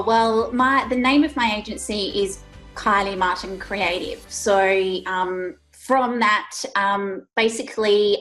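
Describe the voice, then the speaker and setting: A woman's voice: medium pitch, fairly bright tone. An Australian woman in her thirties, a guest in a casual interview, talking chattily with many fillers and frequent laughs. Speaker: guest, agency owner. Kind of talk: casual interview over a call.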